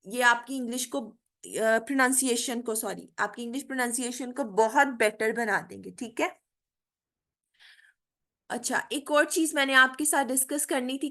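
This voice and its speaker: A woman teaching a spoken English lesson in Hindi, enunciating English example words slowly and often asking "theek hai?". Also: high-pitched, fairly bright tone. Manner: frequent "theek hai?" check-ins and "uh" fillers. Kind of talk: online spoken English lecture.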